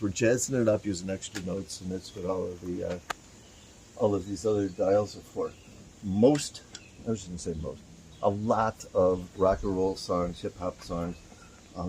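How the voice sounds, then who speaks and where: A man's voice: fairly low pitch, rough recording. A man, an inventor, demonstrating his music teaching tool in a folksy, rambling way with fillers and stammers. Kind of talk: explanatory demo in an interview.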